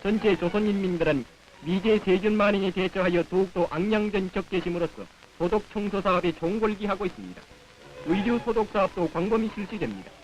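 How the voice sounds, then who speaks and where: A male narrator with a North Korean accent and a notably high voice delivers a 1950s propaganda newsreel script. His delivery is solemn and declamatory, as heard on an old film soundtrack. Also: a little fast, low-quality recording.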